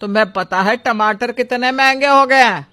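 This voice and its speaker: A woman's voice: on the high side, moderate pace, sharp tone, no echo. Woman doing cartoon mother-in-law, stern, lecturing. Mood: scolding. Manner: scolding, lecturing. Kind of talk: cartoon voice acting.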